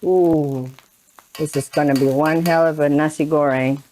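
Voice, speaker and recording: A woman's voice: deep voice, steady tone, unhurried, dark tone, a little hiss or hum. A woman hosting a cooking show, chatting through the steps as she cooks and often checking in with "right?". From Indonesia. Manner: chatty, keeps asking "right?". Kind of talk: cooking demonstration. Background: sizzling pan.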